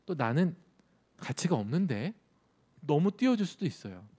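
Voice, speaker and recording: Speaking in a mid-range, somewhat dark voice, this male youth pastor preaches conversationally. He keeps turning to the audience with questions as he goes.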